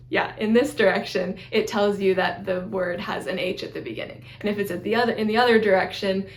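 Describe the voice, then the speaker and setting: A woman's voice: mid-range voice, roomy sound. A young woman explaining pronunciation in a chatty, self-deprecating way, often laughing at herself. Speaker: video creator teaching Greek pronunciation. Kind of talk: casual explainer video.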